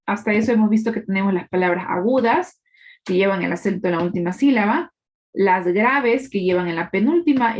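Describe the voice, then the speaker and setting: A woman's voice: mid-range voice, a little mellow. Woman teaching a live online class. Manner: explanatory, checks in with tag questions.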